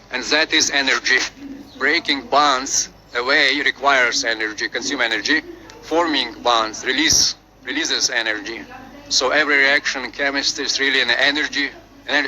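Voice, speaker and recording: A man with a Slavic accent reading out a lesson as presenter, haltingly, often repeating and correcting his words. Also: medium pitch, steady tone, pushed and bright, rough recording. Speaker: presenter of a chemistry refresher. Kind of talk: lesson read from on-screen script with asides.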